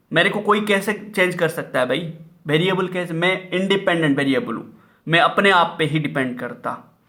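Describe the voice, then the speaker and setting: A man's voice: high-pitched, fairly bright tone. A man teaching math, repeating key terms and asking rhetorical questions, mixing Hindi and English. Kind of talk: classroom-style lecture.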